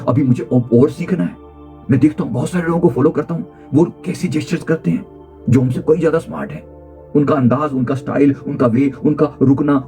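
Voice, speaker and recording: Guy coaching on how to talk, punchy and repeats stuff, warm mellow voice, faint music behind. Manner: emphatic, swings pitch and pace to demonstrate; repeats key phrases. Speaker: life coach. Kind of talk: motivational talk on communication skills.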